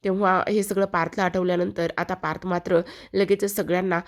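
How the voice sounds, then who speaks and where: A woman's voice: on the low side, little pitch movement, brisk. A woman casually retelling a TV serial episode, chatting directly to her viewers. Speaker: TV serial recap narrator.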